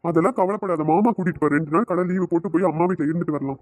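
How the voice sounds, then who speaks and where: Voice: medium pitch, rapid-fire, a little mellow, dry recording, close to an everyday voice. A performer voicing a teasing, cajoling idle young man in a cartoon. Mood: coaxing. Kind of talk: cartoon voice acting.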